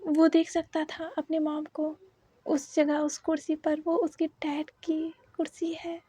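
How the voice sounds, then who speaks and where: High, mellow woman narrating a story. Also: completely flat delivery, measured pace, dry recording. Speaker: fan fiction narrator.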